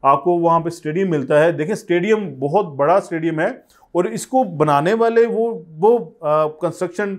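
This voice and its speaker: A man in his thirties with a Pakistani Urdu accent, a real estate agent giving a persuasive sales pitch to camera in an office studio on a lapel mic. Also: moderate pace. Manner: persuasive, urging viewers to buy. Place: office studio set, indoors.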